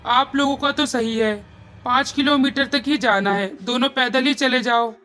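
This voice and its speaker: A woman's voice: high voice, fairly even intonation, moderate pace, bright, forceful tone, a little hiss or hum. A woman voicing a friendly, helpless male auto-rickshaw driver in a storybook reading.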